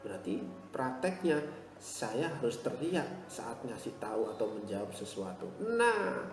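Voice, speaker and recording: A man leads a live online class, reassuring his viewers and repeating gentle encouragements, then getting loud and animated to press a point home. His mid-pitched voice rings through a hard, echoey room, and a long reverb trails each phrase. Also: unhurried, faint music behind. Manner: reassuring, repeats "ya" and "insya Allah", swings to loud animated emphasis. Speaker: motivational teacher.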